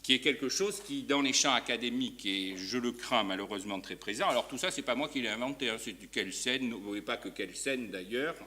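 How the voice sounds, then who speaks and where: A man's voice: mid-range voice, brisk, hardly any pauses, bright, forceful tone, slight background noise. A man giving an academic conference talk as a law professor, hesitant, with frequent fillers and restarts. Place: university lecture hall.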